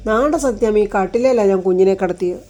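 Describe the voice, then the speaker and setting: A woman's voice: mid-range voice, quick pace, mellow, close to an everyday voice. A woman reading as a panicky frightened maid. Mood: panicked. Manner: anxious, wailing cries.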